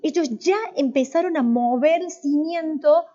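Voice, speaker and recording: Woman, church class teacher, high voice, mellow tone, conversational, quizzes the class, dull lo-fi recording. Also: unhurried. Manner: conversational, asks the class questions, many restarts. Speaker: worship and voice teacher.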